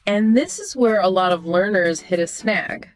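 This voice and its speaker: A woman co-hosting a scripted podcast dialogue, explaining ideas in a clear, teacherly way. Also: medium pitch, expressive, moderate pace, poor audio. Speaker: podcast co-host. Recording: soft music behind the voice.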